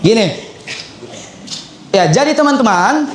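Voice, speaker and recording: A young man with a very high voice coaches students in public speaking. He explains step by step and repeats his phrases as he demonstrates. The sound bounces around an echoey hall. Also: animated, unhurried, crowd noise. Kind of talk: lively seminar teaching to students. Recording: echoey room.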